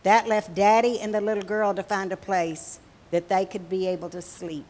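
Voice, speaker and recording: A woman telling a story in a sermon, slow and expressive, with dramatic pauses. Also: mid-range voice.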